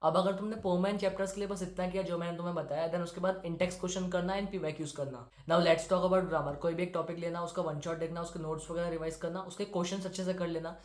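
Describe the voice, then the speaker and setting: Teen boy from India, quick and direct study-tips talker, echoey room. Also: sits high, fairly even intonation. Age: teens. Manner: brisk, direct, instructive. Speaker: student giving exam tips. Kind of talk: study-tips talk to camera. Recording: roomy echo.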